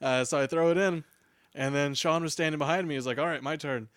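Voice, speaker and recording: A man's voice: a little high, steady tone, fast talker, fairly bright tone, clear, resonant tone, dry recording, clean studio sound. A man co-hosting a gaming podcast, telling stories in a laid-back, casual way. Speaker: podcast co-host. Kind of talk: casual chat.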